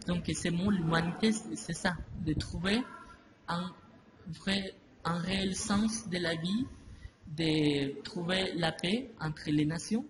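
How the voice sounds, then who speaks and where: With a somewhat high voice, a native Spanish speaker answers an interviewer haltingly, often breaking off to start again and leaning on fillers. The pace is slow, and a steady hum of ambient noise runs underneath.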